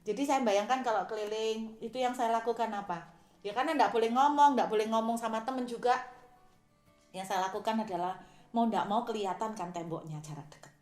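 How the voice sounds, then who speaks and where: Animated woman preaching in an echoey room. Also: on the high side, brisk, soft background music. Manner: animated, shouts praises then drops to a whisper. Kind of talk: sermon.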